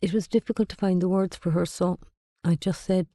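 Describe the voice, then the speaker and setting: A middle-aged woman reads her own memoir aloud, slow and quiet, with long pauses. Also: on the low side, fairly even intonation, no room sound, studio quality. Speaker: narrator. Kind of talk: memoir reading.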